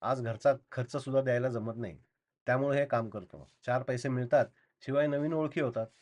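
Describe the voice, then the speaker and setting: A man's voice: medium pitch, brisk, darkish tone, close to an everyday voice. A man reading the part of an earnest young door-to-door librarian, talking in eager, apologetic salesman patter.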